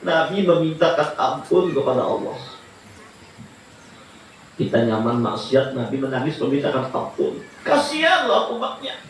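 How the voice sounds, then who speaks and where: A man preaching a sermon, lively and jokey, often rising into high pleading cries. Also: moderate pace, slight background noise. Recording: echoey hall from far off.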